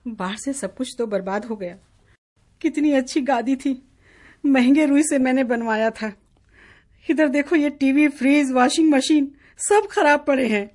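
Aggrieved radio-play wife, high and complaining. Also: female voice, a little slow, darkish tone. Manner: complaining, sulky. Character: grieving, complaining young wife. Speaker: radio drama actor.

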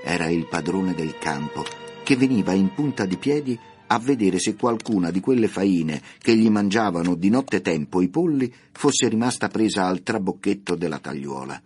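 Deep-voiced man narrating a radio tale. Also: slightly rough, faint music behind. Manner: measured, expressive reading. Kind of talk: scripted radio story narration.

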